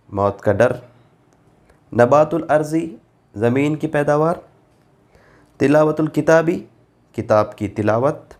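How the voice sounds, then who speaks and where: A man teaching a Quran grammar lesson at an unhurried, careful pace, his pitch sitting in a middle range. He reads each Arabic phrase and then gives its meaning, repeating forms patiently so students can memorize them. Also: a little mellow.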